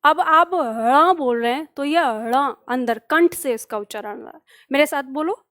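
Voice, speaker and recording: A woman's voice: sits high, measured pace, fairly bright tone, dry recording, studio quality. A woman teaching an online exam-prep language lesson, explaining step by step, asking the students questions and drilling the sounds aloud with them. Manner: asks the students questions and answers them herself. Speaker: Hindi teacher.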